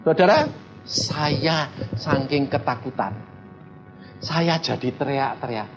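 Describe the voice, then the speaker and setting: A man's voice: a little high, takes it slowly, highs cut off, music in the background. An older man preaching with a Javanese Indonesian accent, telling stories animatedly and acting out the voices in them. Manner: animated, acts out voices in his stories, laughs as he tells. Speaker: pastor. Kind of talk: sermon storytelling.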